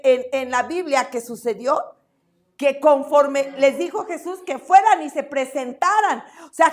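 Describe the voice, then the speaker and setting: Woman, high voice, slow pace, animated Bible class teacher. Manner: animated, asks the class questions, acts out quotes.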